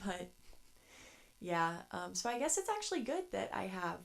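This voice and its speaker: A woman's voice: medium pitch, very animated, measured pace, gravelly, slight background noise. A young woman in her twenties, hosting a solo podcast from her bedroom and telling childhood stories in a chatty, rambling way. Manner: chatty, rambling, laughs between thoughts. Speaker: podcast host. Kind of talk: casual solo podcast storytelling.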